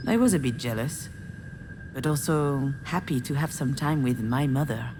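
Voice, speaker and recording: In a very deep, expressive voice at normal speed, an actress confides the inner thoughts of a troubled, self-doubting woman. This scripted video game narration is reflective and first-person, with game music and background noise.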